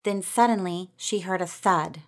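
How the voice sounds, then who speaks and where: A woman narrating a children's storybook in a steady, expressive reading voice. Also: lowish voice, unhurried.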